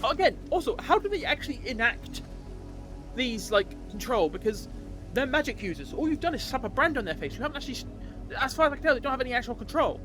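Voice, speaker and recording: A man's voice: very high voice, big pitch swings, fast talker. A man commenting on a game playthrough, venting in an exasperated, profane way. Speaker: gamer. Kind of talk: let's-play commentary. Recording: over game audio with faint music.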